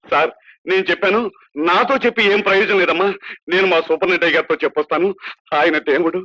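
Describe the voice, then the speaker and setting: A chatty kind-hearted jail constable. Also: male voice, high-pitched, steady tone, fast talker, sharp tone. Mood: chatty, deferential. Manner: earnest, deferential, talkative. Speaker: prison constable. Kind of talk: film drama acting. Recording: dull lo-fi film soundtrack.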